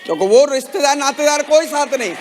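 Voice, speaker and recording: A man's voice: very high voice, expressive, quick pace, a crowd in the background, background noise. A man giving an emotional motivational speech on stage at a network marketing event, rallying the audience with questions. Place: large event hall. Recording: reverberant hall sound.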